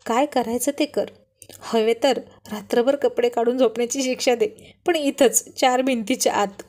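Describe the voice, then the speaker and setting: Woman reading as a cheeky young husband, joking banter, storybook reading, fairly high voice. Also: fairly even intonation, normal speed, a little mellow, close to an everyday voice. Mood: teasing. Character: playful teasing young husband.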